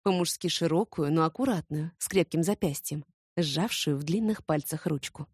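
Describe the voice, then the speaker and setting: A woman narrating an audiobook in first person, expressive and ironic. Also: low-pitched, moderate pace, slightly rough, no echo, clean studio sound.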